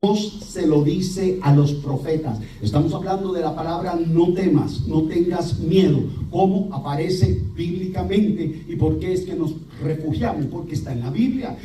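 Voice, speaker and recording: A priest with a Puerto Rican accent giving a lively sermon, telling stories and imitating voices. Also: male voice, a little high, normal speed, hardly any pauses. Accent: Puerto Rican Spanish. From Puerto Rico. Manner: lively storytelling preacher, mimics voices, laughs. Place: church hall. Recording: roomy, distant church recording with faint hiss.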